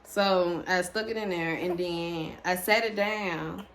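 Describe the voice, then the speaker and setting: A woman's voice: lowish voice, slow. A young woman, casually telling a personal story to her viewers, chatty and full of fillers. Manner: chatty, animated, lots of fillers and restarts.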